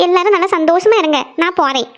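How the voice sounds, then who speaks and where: A fed-up little cartoon girl who grumbles and huffs at everyone. Her voice is shrill and high, and the words tumble out fast. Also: expressive, a bit bright, muffled recording. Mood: huffy. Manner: huffy, complaining. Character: sulky young girl, fed up and defiant. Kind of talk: cartoon voice acting.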